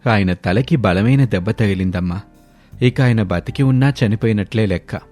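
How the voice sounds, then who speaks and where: A man voicing a calm, matter-of-fact middle-aged doctor. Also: fairly low pitch, normal speed, soft background music, lightly acted. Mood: grave.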